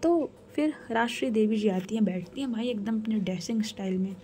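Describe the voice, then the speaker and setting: Mellow-voiced woman storyteller. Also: mid-range voice, brisk, slight background noise. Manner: conversational, retelling with fillers. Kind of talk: casual story narration.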